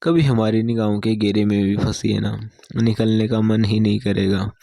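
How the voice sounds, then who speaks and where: A man's voice: lowish voice, flat delivery, moderate pace, gravelly, dark tone, no echo, clean studio sound. A man reading as a teasing young woman.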